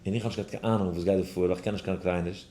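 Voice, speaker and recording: A man, a rabbi teaching a daily study class, telling a personal story in an animated way. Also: deep voice, quick pace. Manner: animated storyteller, acts out other voices. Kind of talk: lesson with a told personal story. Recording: roomy echo.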